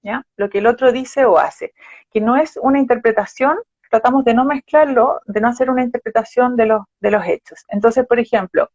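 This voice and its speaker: A woman's voice: a little high, brisk, darkish tone, husky, no echo. A woman psychologist, patiently explaining with examples in a live conversation. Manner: patient, explanatory, gives examples with quoted phrases. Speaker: psychologist guest. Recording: dull, dry live-stream audio.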